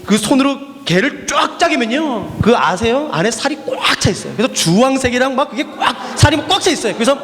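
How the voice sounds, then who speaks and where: Male preacher, high voice, lively swooping delivery, long hall echo. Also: fairly quick, hardly any pauses, a little hiss or hum. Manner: animated storytelling with repeated refrains and rhetorical questions. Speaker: missionary preacher. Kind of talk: sermon. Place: church hall.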